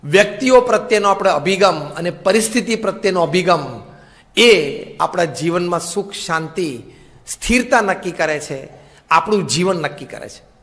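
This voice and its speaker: A high-pitched male monk delivers a sermon, telling stories with gentle humor and slowing down to stress short English phrases. His voice rings with a long hall reverb. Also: expressive.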